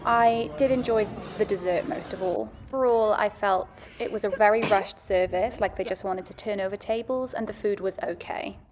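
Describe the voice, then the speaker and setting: A woman's voice: medium pitch, fairly even intonation, normal speed, few pauses, background noise. A woman giving a casual, chatty, understated voice-over review as a food and travel vlogger.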